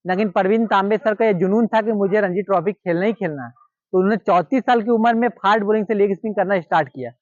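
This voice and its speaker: Brief: Indian man, high voice, casual storyteller who repeats himself; dry, dull lo-fi sound. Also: fast talker, no room sound. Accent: Hindi-speaking Indian. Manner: repetitive, conversational retelling with quoted dialogue. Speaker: cricket storyteller.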